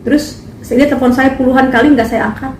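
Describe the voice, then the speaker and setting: A woman's voice: sits high, steady tone, a little fast, darkish tone, distant mic. A woman singer making an emphatic, indignant statement at a press conference. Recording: echoey, from afar, faint noise.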